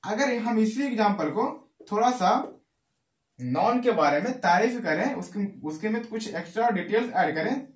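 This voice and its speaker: A man teaching English grammar in Hindi, repeating key phrases slowly and answering his own questions. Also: sits high, expressive. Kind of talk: classroom-style grammar lesson in Hindi. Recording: echoey room.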